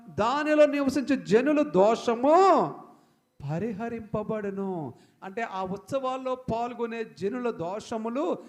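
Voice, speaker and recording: A male pastor delivering an emphatic sermon, calling on the congregation to respond and acting out Bible characters in dialogue. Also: sits high. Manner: emphatic preaching with call-and-response.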